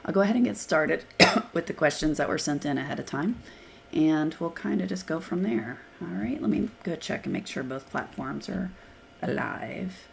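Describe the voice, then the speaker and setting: A woman with a hoarse voice from being sick hosts a live software demo and answers questions, talking casually as she clicks through screens. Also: low voice, animated, normal speed, slight background noise. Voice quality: gravelly, hoarse. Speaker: software trainer hosting a live Q&A.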